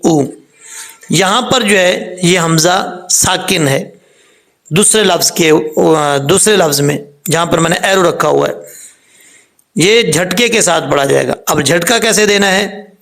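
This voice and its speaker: High, gravelly male recitation teacher. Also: fairly bright tone. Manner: patient, repeats common mistakes and corrections; slowly spells out letters and vowel marks. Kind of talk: step-by-step tajweed lesson.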